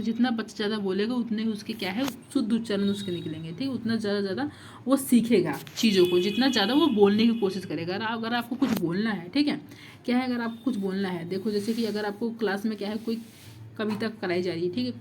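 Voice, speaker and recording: A woman teacher explains step by step, asking rhetorical questions and checking in with "okay?". Her voice sits at a middle pitch. Faint noise hangs behind her. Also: quick pace, a little mellow. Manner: repetitive, rhetorical questions, frequent 'thik hai'. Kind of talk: exam-prep lecture.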